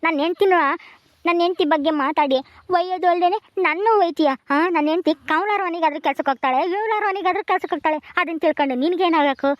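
A woman's voice: extremely high pitch, fast talker, dry recording, lo-fi sound. A woman acting a drunken, quarrelsome village man who heckles and keeps demanding "ha?". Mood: drunk, accusing. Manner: slurred, heckling, ends lines with a challenging "ha?". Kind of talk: village comedy-drama acting.

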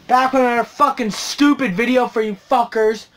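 Profane ranting woman, fairly high voice. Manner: profane, sarcastic, swings from loud outbursts to mutters. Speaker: vlogger. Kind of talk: ranting casual vlog.

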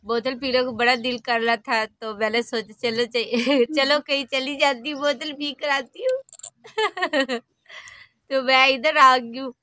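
A woman's voice: high voice, slow pace, bright, forceful tone. A young woman from Pakistan chatting casually in a cooking vlog, laughing often, filmed in a rural courtyard on a camera mic. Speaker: vlogger. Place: rural courtyard, outdoors and in a brick kitchen.

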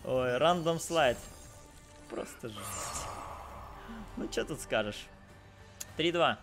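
Male esports caster over loud game music. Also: medium pitch, expressive, slow. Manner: slangy, exclamatory, repeats phrases for emphasis. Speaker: esports commentator. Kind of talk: live fighting game commentary. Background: fighting game music and sound.

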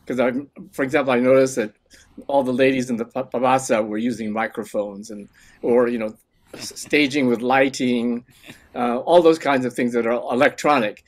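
A man's voice: medium pitch, steady tone, moderate pace. A man at an online conference asking the keynote speaker a long question, searching for words and restarting as he frames it. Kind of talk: spoken question on a video call.

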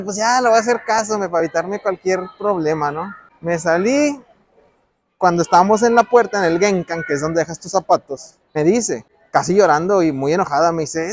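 A young Mexican man with a fairly high voice tells a story in quick, slangy bursts. He is casual and animated throughout. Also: dry recording. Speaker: vlogger and street interviewer. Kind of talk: casual storytime with street interviews.

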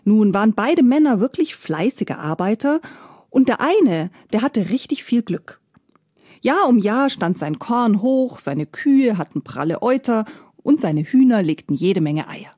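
Woman storyteller, fairy tale narration, slow, dark husky voice, dry close sound. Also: mid-range voice, dry recording. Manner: expressive, drops to soft whispered phrases.

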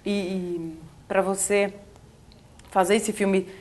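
A woman's voice: medium pitch, level tone, slow pace, a little mellow. A woman interviewing an actor, asking friendly, prompting questions.

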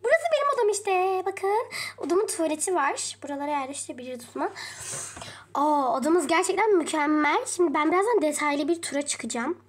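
A woman's voice: sits high, expressive, brisk, slight background noise. A woman chattily narrating a pretend travel vlog in a game, talking often to her viewers. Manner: chatty, addresses viewers often, mild swearing. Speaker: game role-play vlogger.

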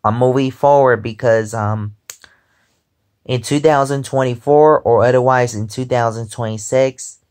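A twenty-five-year-old man rambles slowly from his bed, his words drawn out and unhurried. His voice is smooth and clear, caught close on a phone just above his face. He keeps circling back with "because, um" as he chats. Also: mid-range voice, fairly even intonation, a little mellow. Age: 20s. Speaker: vlogger. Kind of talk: casual chat. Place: lying in bed at home, indoors. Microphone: phone held close above face.

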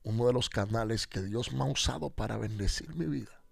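Male pastor, radio testimony, gravelly, animated, acts out each line of dialogue. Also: medium pitch, brisk, no room sound. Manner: animated storyteller acting out dialogue. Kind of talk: personal testimony on a radio show.

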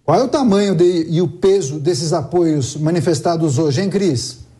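A young male anchor in a TV studio with a high, mellow voice. He runs through the news briskly, with a few hesitant fillers, before throwing to a guest. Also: animated.

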